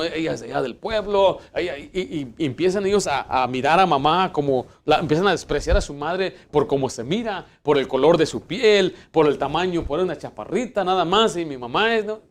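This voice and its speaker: A man preaching a sermon as pastor, emphatic and full of restarts, swinging between loud points and quiet asides in a church. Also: on the high side. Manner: emphatic preaching, rising for Bible quotes and dropping to hushed asides; fillers and restarts.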